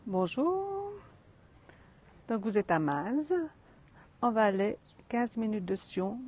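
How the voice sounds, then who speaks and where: Slow-talking woman outdoors. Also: medium pitch, very animated, a little mellow. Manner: unhurried, chatty, greets viewers. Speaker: vlogger and storyteller. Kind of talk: live outdoor vlog with story reading. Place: outdoors in a mountain village. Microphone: phone or camera.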